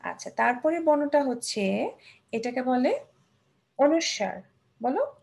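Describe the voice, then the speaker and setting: High, gravelly-voiced woman teaching Bangla. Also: big pitch swings, a little mellow. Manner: patient, models words slowly, mixes in English terms. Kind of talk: children's language lesson.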